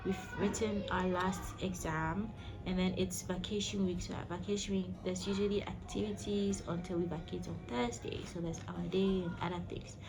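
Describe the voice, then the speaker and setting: A woman's voice: lowish voice, little pitch movement, moderate pace, low-quality recording. A woman vlog host telling a personal story casually and emphatically, speaking directly to her listeners. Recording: background music behind the voice. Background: music.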